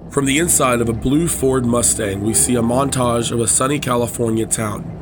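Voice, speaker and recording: A man co-hosting a comedy podcast, chatting animatedly and narrating a screenplay, quick to laugh. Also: mid-range voice, noisy background. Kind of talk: casual chat and screenplay narration.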